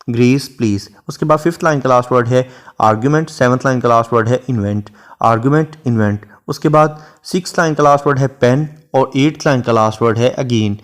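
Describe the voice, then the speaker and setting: A man, giving a literature lecture, reading English verse lines slowly and then explaining each one. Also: mid-range voice.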